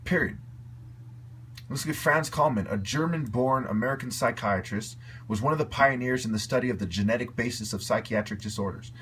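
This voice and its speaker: A man's voice: medium pitch, fairly quick, fairly bright tone. Brief: adult male commentator, heated swearing rant delivered in a mid-range voice, with a faint hiss underneath. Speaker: video commentator. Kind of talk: angry profane rant.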